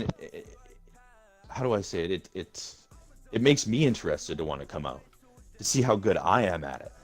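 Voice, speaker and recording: Low-voiced, rambling, profane man. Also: a little mellow. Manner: rambling and profane, with many restarts. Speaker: gaming community leader. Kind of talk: casual voice-chat talk.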